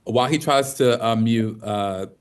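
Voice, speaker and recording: A man hosting a casual livestream chat as co-CEO, upbeat, chatty and quick to laugh. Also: medium pitch, clear, resonant tone. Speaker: co-CEO and host. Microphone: video call.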